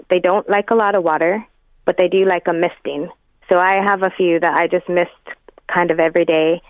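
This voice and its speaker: A woman with an Arizona American accent softened by an Irish Donegal lilt, giving gardening tips as a guest in a casual radio interview, encouraging and plain-spoken. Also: on the low side, no echo. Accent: Arizona American with a touch of Irish Donegal lilt. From United States, Arizona. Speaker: guest plant expert. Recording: narrow phone line.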